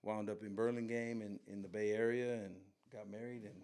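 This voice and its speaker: A man's voice: fairly low pitch, fairly quick. A middle-aged man from Southern California, a guest telling stories casually in an interview and acting out quotes. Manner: relaxed storyteller, acts out quotes. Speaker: brand co-founder guest.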